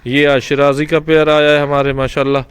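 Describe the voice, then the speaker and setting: A man's voice: on the high side, level tone, a little fast, noisy background. A man hosting a casual pet vlog at an outdoor bird enclosure, instructing a boy as he narrates. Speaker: vlog host.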